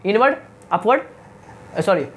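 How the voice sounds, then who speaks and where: A man's voice: high-pitched, lively intonation, moderate pace. A male teacher giving a science lecture, who keeps asking his students questions, answering them himself and checking that they follow. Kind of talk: classroom-style science lecture.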